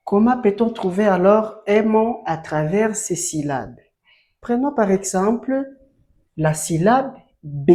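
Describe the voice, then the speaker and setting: A language teacher running a syllable-reading lesson at an extremely unhurried pace, drawing out each sound. The teacher quizzes the class often and leads repeat-after-me drills. The voice sits at an ordinary middle pitch. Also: dark tone. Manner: asks learners frequent questions. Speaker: French teacher.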